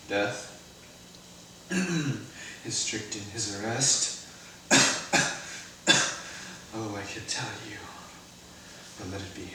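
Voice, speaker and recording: An actor playing a poisoned prince in a Shakespeare tragedy, bleeding out, coughing and gasping in halting, broken phrases. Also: male voice, fairly low pitch, pushed and bright. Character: dying poisoned Danish prince, anguished and urgent. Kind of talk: classical Shakespeare stage acting. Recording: echoey room, far from mic, noisy.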